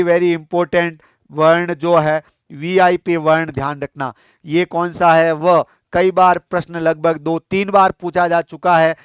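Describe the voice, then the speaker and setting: A man from India with a fairly high, smooth, clear voice, teaching an exam-prep lesson. He walks through each point step by step, poses questions and answers them himself. The sound is dry and close, with no room echo. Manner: explains step by step, asks and answers his own questions, often says "friends". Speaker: Sanskrit teacher.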